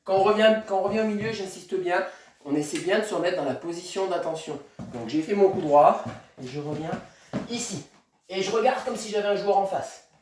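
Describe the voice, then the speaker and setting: Guy coaching kids at tennis, counts reps out loud, high voice, super echoey room. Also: brisk, far from the mic, slight background noise. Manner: counting reps aloud, encouraging; moving while talking, demonstrating exercises. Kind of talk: instructing a kids' home tennis workout.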